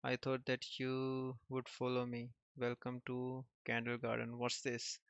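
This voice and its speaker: A man reads a comic aloud in a casual way, speaking every character's lines in one near-monotone voice and chuckling often between panels. His voice sounds smooth and clear. The recording is dry and a little dull. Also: mid-range voice, unhurried, no room sound. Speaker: manga reader.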